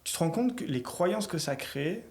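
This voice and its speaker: A middle-aged French man, a coach, talking in a podcast interview in a reflective, animated way, piling up short phrases. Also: high voice, normal speed, creaky. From France. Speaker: guest, coach for entrepreneurs.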